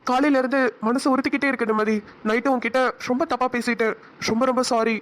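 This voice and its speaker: A woman voicing an earnest, hot-tempered young husband in a cartoon, talking quickly. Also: a little high, steady tone, close to an everyday voice. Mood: tender, pleading. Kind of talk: cartoon voice acting.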